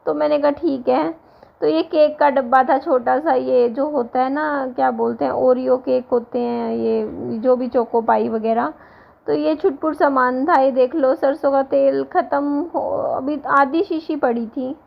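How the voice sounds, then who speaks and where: A woman in her thirties, hoarse from a sore throat, rambling casually to her viewers in a home vlog. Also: high-pitched, fairly even intonation, measured pace, muffled recording. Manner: rambling, restarts often, talks to viewers directly. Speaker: vlogger.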